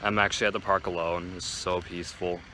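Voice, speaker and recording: A man's voice: sits low, flat delivery, fast talker, pushed and bright, a little hiss or hum. A teenage male vlogger chatting casually and in a rambling way, with lots of "like", while walking outdoors in a park. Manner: rambling, filler-heavy with "like". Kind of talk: casual outdoor vlog chat.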